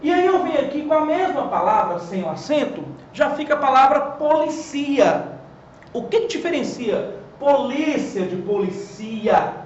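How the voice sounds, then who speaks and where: A man with a Brazilian accent teaching a lively grammar lesson at a whiteboard. He asks questions and answers them himself, and stresses key words. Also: very high voice, a little fast, roomy sound, muffled recording, a little hiss or hum. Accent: Brazilian Portuguese. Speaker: Portuguese teacher.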